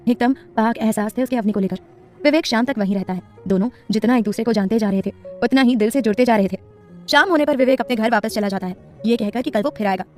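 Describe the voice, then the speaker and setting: Fast-paced woman storyteller over music. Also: on the high side. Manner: reads with expressive dialogue voices. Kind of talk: scripted story narration.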